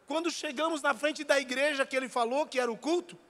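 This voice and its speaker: A man's voice: extremely high pitch, fast, long reverb tail. A man preaching a sermon in a church, telling stories animatedly and acting out the dialogue. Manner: animated, acts out dialogue, sometimes shouts. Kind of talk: sermon with storytelling.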